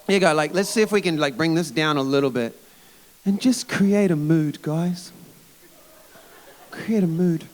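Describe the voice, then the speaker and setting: A man's voice: fairly high pitch, normal speed, pauses often. A man speaking to a youth conference crowd between songs, chatty and rambling, teasing and encouraging them. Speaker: musician addressing a youth conference. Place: conference hall stage with a live audience.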